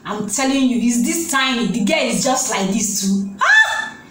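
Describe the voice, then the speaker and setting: A woman's voice: on the high side, moderate pace, roomy sound, slight background noise, rough recording. A woman with a Nigerian accent talking straight to her viewers in a vlog, repeating herself and exclaiming as she warns parents. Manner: repetitive, exclamatory, preachy. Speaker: YouTube vlogger. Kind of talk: emotional direct-to-camera vlog.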